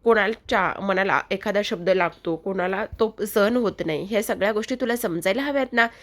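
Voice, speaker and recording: Lady doing a sweet mother-in-law, gentle and fond, tells you off softly. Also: medium pitch, fairly quick, natural voice. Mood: affectionate.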